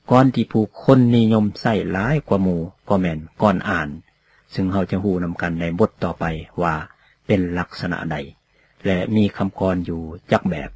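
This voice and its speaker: A man giving a read-aloud lecture on poetry, slow and deliberate, sounding out example words one at a time. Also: low voice. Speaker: teacher of poetry.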